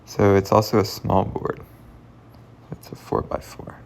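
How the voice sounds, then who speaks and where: Puzzle host, male, unhurried casual commentary, deep gravel in the voice, mutters asides while he works. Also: monotone, a little mellow, a little hiss or hum. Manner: thinks aloud, mutters and half-whispers while working things out.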